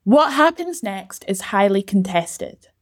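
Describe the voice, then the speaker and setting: A woman giving scripted documentary narration in a measured, even way. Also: mid-range voice.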